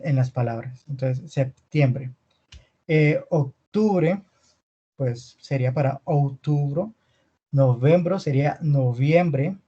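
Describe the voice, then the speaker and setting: A man teaching an online language lesson, patiently repeating words slowly for his students. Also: mid-range voice, warm tone, breathy edge, lo-fi sound. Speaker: Spanish teacher.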